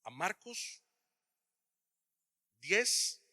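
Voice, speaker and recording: A man preaching a sermon to his congregation, often calling them brother and swinging between loud cries and hushed asides. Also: high voice, big pitch swings, extremely slow, long reverb tail. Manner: addresses listeners as "hermano", swings from loud to hushed.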